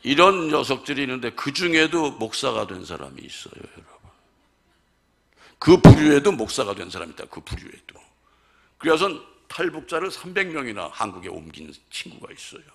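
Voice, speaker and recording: An older male pastor giving a testimony sermon, telling stories animatedly and acting out conversations, swinging from loud exclamations to hushed asides. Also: mid-range voice, brisk, creaky. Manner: animated storytelling, voicing his wife and others in dialogue.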